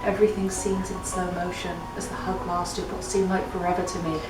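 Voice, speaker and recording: Speaking a little fast in a lowish, flat voice, a tipsy woman performs a comedic web show's fan fiction as a playfully over-the-top dramatic reading, giggling as she goes. Music runs beneath the audio, which sounds distant and echoey.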